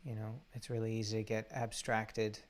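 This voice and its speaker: A man leading a guided meditation from a laptop or phone while traveling, talking haltingly with many fillers and restarts. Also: lowish voice, level tone. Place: undisclosed spot while traveling. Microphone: laptop or phone mic.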